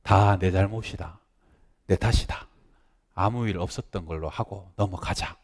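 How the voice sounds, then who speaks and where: A male pastor preaching a sermon, telling stories with acted quotes, jumping from loud outbursts to hushed asides. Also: deep voice, normal speed, breathy edge. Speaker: senior pastor. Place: church sanctuary. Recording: long hall reverb.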